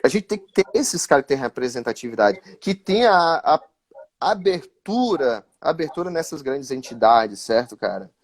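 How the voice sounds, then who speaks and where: A man telling a futsal story on a live stream in a lively, casual way, full of fillers. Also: medium pitch, normal speed. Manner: lively anecdotal, with many fillers like "né, cara".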